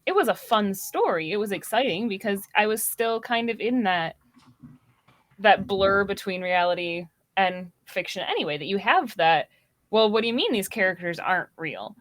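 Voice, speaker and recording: Around thirty years old, a woman chats casually as a podcast panelist, playfully acting out imagined reactions. Her mid-range voice is animated and a bit bright, at a normal speed.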